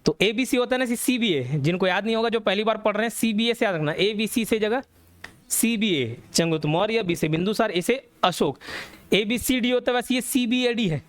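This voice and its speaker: A man's voice: high voice, lively intonation, a little fast, dry recording. A man teaching a classroom history lecture, telling the story and quizzing students as he goes. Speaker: exam coaching teacher.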